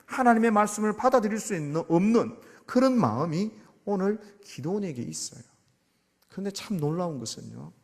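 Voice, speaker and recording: A male pastor preaching a sermon in a church, swinging between loud pleading and hushed near-whispers. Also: high-pitched. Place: church sanctuary. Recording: long church hall reverb.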